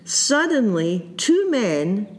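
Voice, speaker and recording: A man preaching a sermon, reflective and unhurried, often repeating his key phrases for emphasis. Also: high-pitched, big pitch swings. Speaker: pastor.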